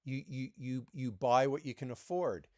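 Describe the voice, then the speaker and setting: A man's voice: medium pitch, moderate pace, no echo, studio quality. A man streaming live trading commentary, coaching viewers in an emphatic way and repeating words as he presses his points.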